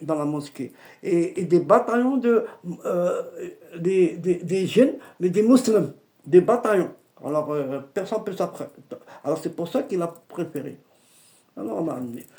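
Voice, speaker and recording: A man's voice: sits high, a little mellow. A man telling a personal story of an exorcism, repeating himself with many restarts and Arabic religious phrases.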